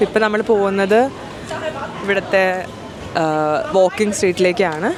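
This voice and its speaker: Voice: mid-range voice, level tone, normal speed, crowd noise. A Malayali travel vlogger chatting casually to viewers, switching between Malayalam and English. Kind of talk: travel vlog narration, casual chat. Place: busy city streets and a cafe. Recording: noisy outdoor city traffic behind.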